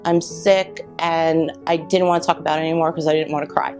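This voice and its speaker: A middle-aged woman telling her own cancer survival story, reflective and halting with many pauses. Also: sits low, little pitch movement. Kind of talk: personal testimony. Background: soft guitar music.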